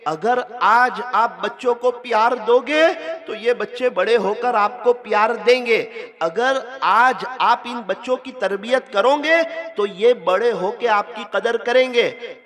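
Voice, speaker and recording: A man's voice: sits high, a bit bright. A man from Gujarat preaching a sermon at a gathering, telling stories with feeling and repeating lines for effect. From Gujarat, India. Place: large hall with an audience. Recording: reverberant hall with crowd noise. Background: crowd noise.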